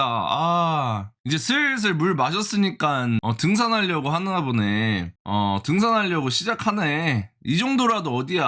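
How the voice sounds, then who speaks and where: A young stock-trading vlogger gives live reaction commentary while day-trading, exasperated as he scolds the price chart and trades jokes with his viewers. His voice is fairly high with a sharp tone.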